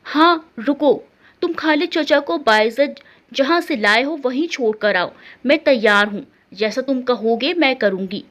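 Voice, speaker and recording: A fierce young woman shouts defiance in a spoken story, voiced by the woman narrator. Her voice sits fairly high and cuts hard. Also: animated, a little slow. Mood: desperate.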